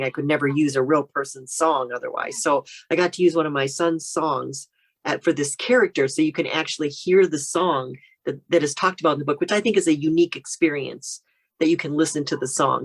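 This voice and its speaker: Interviewed as a guest author, an American woman whose voice sits low talks casually and shares anecdotes.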